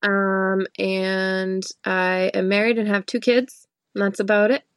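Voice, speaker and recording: A woman from Massachusetts, a podcast guest chatting casually, giving brief, soft-spoken answers and laughing often. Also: mid-range voice, level tone, a little slow, no room sound, studio quality. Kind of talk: casual chat.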